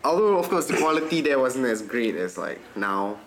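A man's voice: medium pitch, big pitch swings, moderate pace, background noise. Easygoing young man. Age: young adult. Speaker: podcast co-host. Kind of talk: casual chat.

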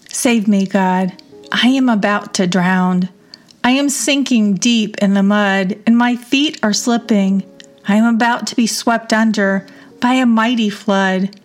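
A woman reading psalms aloud in a measured devotional reading. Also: medium pitch. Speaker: scripture reader.

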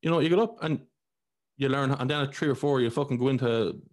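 A man's voice: medium pitch, fast talker. An Irish man in his forties hosting a podcast, talking bluntly and heatedly and swearing freely. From Ireland. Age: 40s. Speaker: podcast host. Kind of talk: casual conversation.

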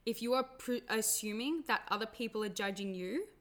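A woman's voice: a little high, moderate pace, fairly bright tone. A young woman talking casually as a coach, chatty and full of fillers, acting out inner voices. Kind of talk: casual motivational talk.

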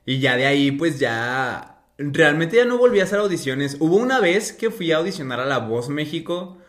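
A man's voice: on the high side, very animated, normal speed. A young Mexican man chatting casually as a podcast guest, telling stories expressively with slang and acted-out dialogue. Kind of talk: casual chat, animated storytelling.

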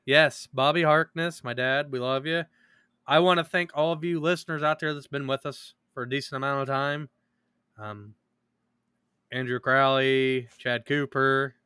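A man's voice: mid-range voice, fairly even intonation, normal speed, bright, forceful tone, clear, resonant tone, dry recording, clean studio sound. A man co-hosting a podcast, chatting casually with crude, profane jokes and a rambling, laughing manner. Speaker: podcast co-host.

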